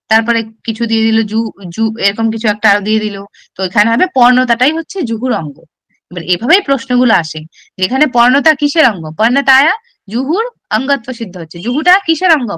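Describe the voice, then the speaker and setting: A woman's voice: a little high, fairly bright tone, no room sound. A woman teacher with a Bengali accent explains a classical text step by step in an online exam-prep class, often asking rhetorical questions.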